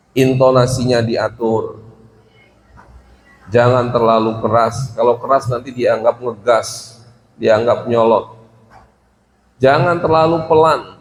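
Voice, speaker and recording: Reading Arabic lines from a classical text, this man explains them and plays out brief dialogues as part of a religious lesson. He has a mid-range voice, and there's a little hiss or hum in a roomy recording with faint ambience.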